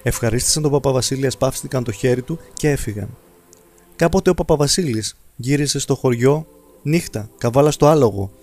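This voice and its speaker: A man reads religious stories from a book aloud, steady and earnest. His voice sits at an ordinary mid pitch. The reading stays measured and even. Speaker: narrator.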